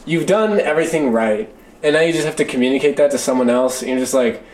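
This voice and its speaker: A man's voice: mid-range voice, quick pace, a little mellow. A young man on a casual podcast, telling stories in a laid-back, slangy way. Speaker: podcast co-host. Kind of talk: casual chat. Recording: roomy room with faint background noise.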